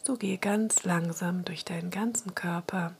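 Breathy woman whispering a slow guided relaxation. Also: lowish voice, steady tone. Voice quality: breathy, husky. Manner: soft spa-like whisper, slow and soothing instruction.

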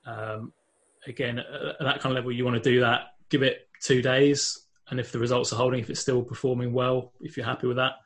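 This podcast guest from England speaks a little fast with a level, mid-range voice and a London accent. He chats casually, interview-style, stumbling through plenty of fillers and restarts.

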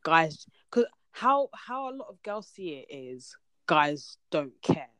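A woman's voice: deep voice, sing-song, slow, a bit bright, dry recording. Young woman hosting, dry sound. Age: young adult. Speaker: podcast host. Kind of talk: casual podcast chat.

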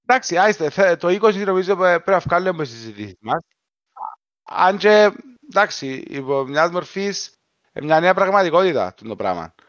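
A man's voice: high-pitched, big pitch swings, a bit bright, no echo, muffled recording. A man with a Cypriot Greek accent, talking casually in a discussion.

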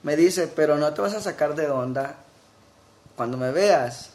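A man's voice: on the high side, animated, measured pace, darkish tone. A man with a Mexican Spanish accent, telling a story in a casual chat with wry, dry humor. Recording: echoey room.

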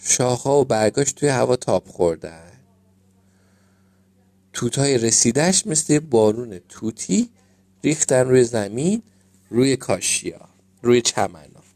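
A man reading a children's story aloud as storyteller, gentle and measured. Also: medium pitch, expressive, dry recording.

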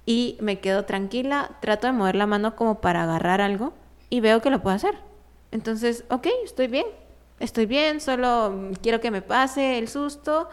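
A woman telling a personal story in casual conversation, animated and often laughing, with many fillers. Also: a little high, clear, resonant tone.

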